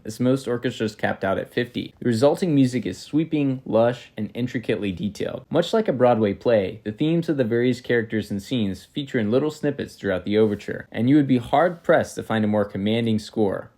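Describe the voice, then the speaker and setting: A man narrating a scripted film review in a measured, analytical way. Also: mid-range voice, warm tone.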